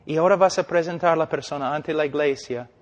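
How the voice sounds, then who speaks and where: An older man preaching a sermon as a missionary, emphatic, with dramatic pauses and acted-out quotes. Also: a little high. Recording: long hall reverb.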